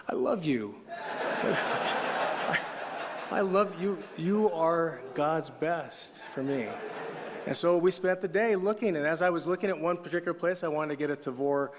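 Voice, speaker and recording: A man's voice: on the high side, slight background noise. A middle-aged man preaching at a conference, telling stories with humor and reading scripture. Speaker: conference speaker. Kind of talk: sermon. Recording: long hall reverb.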